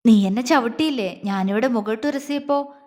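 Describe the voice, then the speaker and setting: A woman's voice: a little high, normal speed, lightly acted. Woman voicing a teasing tender young husband. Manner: soft coaxing, teasing. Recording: long reverb.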